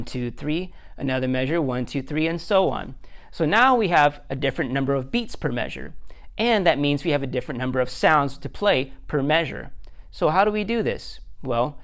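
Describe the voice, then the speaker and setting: A man as a music teacher, giving a recorded lesson step by step, counting beats aloud in a patient, self-deprecating way. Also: on the high side.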